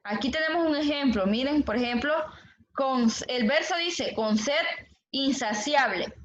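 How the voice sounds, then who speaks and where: The recording, lo-fi and dull, captures an echoey classroom where a female teacher with a high, a bit bright voice explains poetic meter. She works patiently, quizzing students and repeating their answers.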